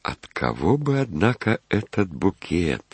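A man voicing a vain, excitable male official who shouts and frets, then muses dreamily. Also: low-pitched, slow, creaky, breathy edge, no room sound, heavily acted. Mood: dreamy.

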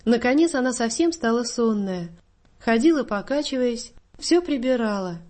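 Woman, storybook narration, measured, somewhat high voice. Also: expressive, a little mellow. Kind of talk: reading a story aloud.

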